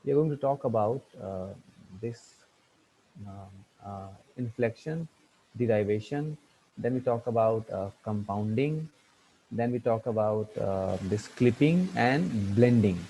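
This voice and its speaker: A man teaching an online English grammar lecture, halting with many fillers and restarts, spelling words out letter by letter, over a video call. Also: fairly low pitch, lively intonation, mellow, a little hiss or hum, rough recording.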